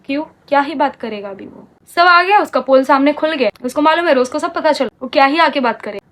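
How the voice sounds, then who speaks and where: High-voiced woman. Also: expressive, brisk, fairly bright tone. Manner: heated, indignant storytelling mixing Hindi and English. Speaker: vlogger. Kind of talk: storytime vlog.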